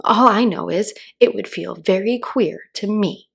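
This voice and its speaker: A polite storybook little girl, voiced by a woman, earnest and hesitant, quick to feel slighted. Her voice is pitched a bit up from plain narration, with a husky, creaky edge. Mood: irritated, grave. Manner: proper and hesitant. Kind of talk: children's storybook read-aloud.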